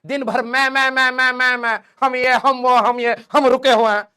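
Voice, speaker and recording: A man teaching physics in a joking, teasing manner, with playful scolding and sudden shifts between loud and soft. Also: very high voice, level tone, moderate pace, clean tone. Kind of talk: comic classroom lecture.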